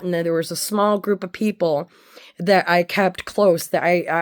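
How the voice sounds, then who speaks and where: A woman with a slightly low-pitched voice tells a personal story straight to the listener. She speaks candidly and bluntly, swearing freely. Her delivery is halting, with stops to find the next word.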